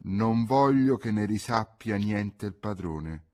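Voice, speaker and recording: A man's voice: fairly low pitch, lively intonation, slow pace, a little mellow. Man doing a guarded old peasant woman.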